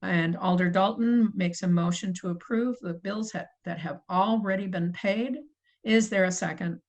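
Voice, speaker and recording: Middle-aged woman, committee chair, procedural agenda reading on a video call, mid pitch. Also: moderate pace, low-quality recording. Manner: procedural, apologetic, self-correcting. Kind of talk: formal meeting chairing.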